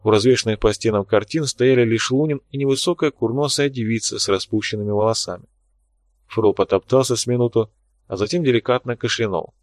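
A man's voice: medium pitch, brisk, dry recording. Man narrating an audiobook, dry close sound. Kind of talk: scripted narration.

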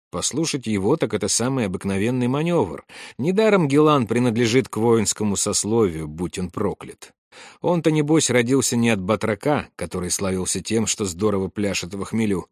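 A man reading a war story aloud in measured scripted narration, dropping to a hush for whispered lines. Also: medium pitch, dry recording, studio quality. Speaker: audiobook narrator.

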